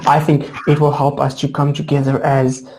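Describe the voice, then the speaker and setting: Low, mellow South African woman tutor. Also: little pitch movement, moderate pace. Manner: upbeat, chatty, many fillers like alrighty. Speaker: English tutor. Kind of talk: online lesson chat. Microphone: video call.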